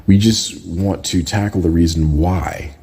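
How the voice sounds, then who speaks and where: Deep, husky-voiced Jamaican-born man. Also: fairly even intonation, a little slow, mellow. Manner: conversational, often tags lines with "right?". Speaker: podcast host. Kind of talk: casual solo podcast talk.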